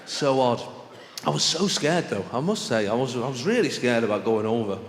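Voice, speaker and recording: A man's voice: medium pitch, animated, moderate pace. Echoey Mancunian man doing live stand-up. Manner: chatty, conversational, acting out exchanges. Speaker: stand-up comedian. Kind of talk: stand-up comedy storytelling to a live audience. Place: on stage in a large venue. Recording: echoey live hall with clear background noise.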